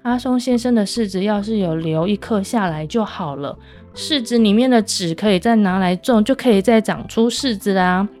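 A woman's voice: mid-range voice, normal speed, darkish tone, soft background music, lightly acted. A woman voicing a cheerful, grateful old grandmother in a children's story, full of happy exclamations. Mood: sighing. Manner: exclaiming, easily delighted.

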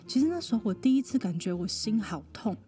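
Woman, podcast guest psychologist, animated storyteller with mid pitch and soft guitar underneath. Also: fast. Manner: lively storyteller, laughs often, mimics other people. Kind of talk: personal storytelling in a podcast interview.

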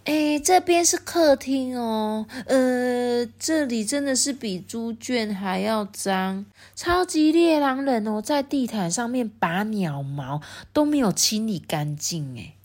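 A woman voicing a cheeky youngest piglet brother in a storybook, drawing out words in a slow, sing-song, teasing way. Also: on the high side, expressive, darkish tone, voice pushed up.

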